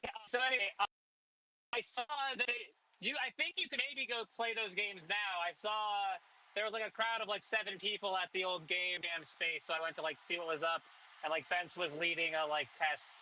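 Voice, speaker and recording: A man joins a casual community call, talking quickly and loosely, full of "like". His voice is high and very bright, with a sharp edge. His connection is poor, so the sound keeps breaking up. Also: steady tone.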